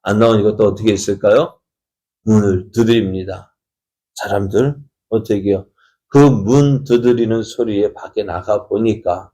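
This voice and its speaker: A man's voice: fairly low pitch, mellow. A man preaching at an early-morning prayer service, telling a Bible story with many rhetorical questions and acted-out dialogue. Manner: acts out the characters' dialogue in changing voices. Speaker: pastor.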